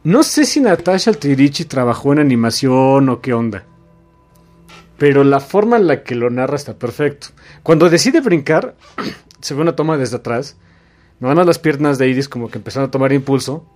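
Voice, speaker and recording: A man hosting a casual comic book podcast, retelling the story in a joking, animated way. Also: medium pitch, normal speed, faint music behind. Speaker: podcast host.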